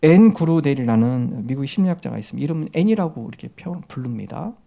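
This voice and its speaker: A male pastor preaching a sermon in a church, telling a story with acted quotes and turning to prayer, his voice swinging from hushed to loud. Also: medium pitch, animated, fast, gravelly. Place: church sanctuary.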